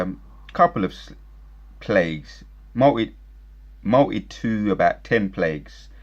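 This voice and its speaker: A man's voice: lowish voice, dull audio. A man giving casual commentary, earnestly listing plagues and reading Bible verses aloud. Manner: earnest, lists things emphatically, reads scripture aloud. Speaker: commentator citing scripture.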